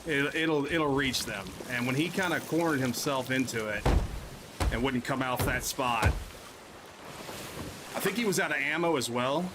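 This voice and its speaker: A man's voice: medium pitch, normal speed, pauses often, very noisy. Chatty male game streamer, rambling. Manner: rambling, self-correcting, chatty with viewers. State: hiccups. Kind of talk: casual live-stream commentary.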